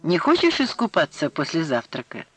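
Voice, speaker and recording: A man's voice: on the high side, huge pitch swings, moderate pace, breathy edge, dry recording, full character voice. A male narrator voicing a tense, tired father in an audiobook, curt and short on patience. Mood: strained. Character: tense, weary father on a beach trip.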